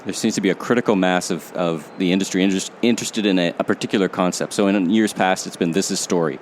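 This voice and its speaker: The retail podcast's male host, speaking fast in a deep voice, reads his scripted intro and interviews a guest, with hesitant restarts in some questions. The setting is an open-roof booth at a trade show, and there's a little hiss or hum.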